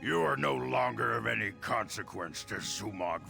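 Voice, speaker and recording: An actor playing a menacing, coldly loyal beastly warlord in a fantasy video game, with a growling voice. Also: male voice, medium pitch, animated, normal speed. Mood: cold menace. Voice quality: growling, gravelly. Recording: loud music over the voice.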